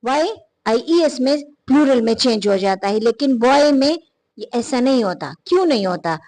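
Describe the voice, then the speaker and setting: A woman's voice: fairly high pitch, animated, moderate pace, a little mellow. A woman teaching an English phonology lesson, patiently repeating and spelling out words letter by letter.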